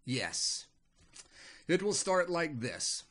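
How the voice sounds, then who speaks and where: A man voicing Baal, a calm scheming male demon who speaks firmly and deliberately. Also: on the high side, heavily acted. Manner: firm, measured, deliberate.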